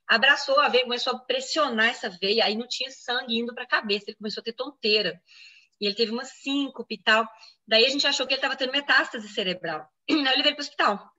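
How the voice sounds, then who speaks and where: A woman's voice: fairly high pitch, fast talker. A woman physician in an interview, explaining a medical case and acting out what others said. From Brazil. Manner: explanatory, quoting others in lively reenactment. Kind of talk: interview answers, personal medical account.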